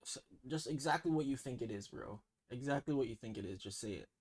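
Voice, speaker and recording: A man's voice: mid-range voice, quick pace, a little mellow, breathy edge. A man with a Toronto accent casually hosting a slang quiz, teasing and mock-stern in slangy banter. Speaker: quiz host.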